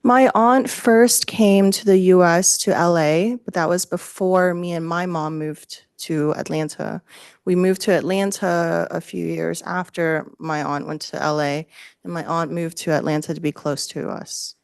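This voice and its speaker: Woman, 30s, court witness, calm plain answers, slightly low voice, dry sound. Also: a little slow, gravelly, smooth, no echo. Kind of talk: courtroom testimony.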